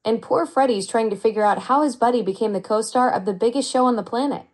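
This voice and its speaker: A synthetic woman's voice of an AI chat assistant, upbeat and flattering with smooth, even delivery. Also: a little high, fast. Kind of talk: conversational AI reply.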